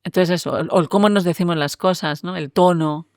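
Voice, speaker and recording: A woman, a neuroscientist guest explaining ideas in a relaxed interview, often ending with tag questions. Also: lowish voice, brisk, no room sound, studio quality. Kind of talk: conversational interview.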